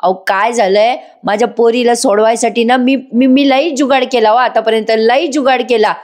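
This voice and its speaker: Woman reading a sly country guy, middle-aged, begging and whiny, in her own higher voice. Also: fairly even intonation, normal speed, darkish tone, close to an everyday voice. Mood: pleading. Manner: pleading, rustic. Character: scheming rustic middle-aged man, groveling.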